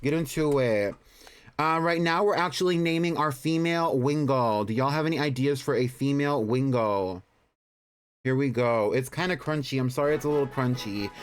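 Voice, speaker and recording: A man's voice: mid-range voice, moderate pace, smooth. A man hosting a casual game livestream, chatty and friendly as he greets viewers and comments on play. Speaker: live game streamer, host. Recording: music playing behind the voice.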